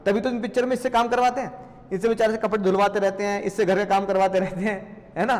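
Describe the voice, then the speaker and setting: A man teaching a lively class in a playful way, often asking questions and answering them himself. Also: high-pitched, quick pace, long reverb tail. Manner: playful, asks and answers his own questions.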